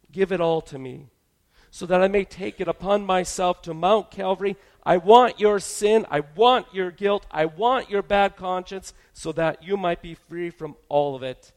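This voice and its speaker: A man's voice: on the high side, gravelly, pitched above the performer's own voice. A man preaching, voicing the Christ child with solemn, emphatic repetition. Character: the Christ child speaking, calm and commanding.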